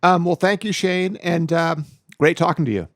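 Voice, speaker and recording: A man hosting a podcast, asking measured questions and reading the credits over music. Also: on the high side, no echo, studio quality. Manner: quiet affirmations, measured questions. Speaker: podcast host. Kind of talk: interview and scripted outro.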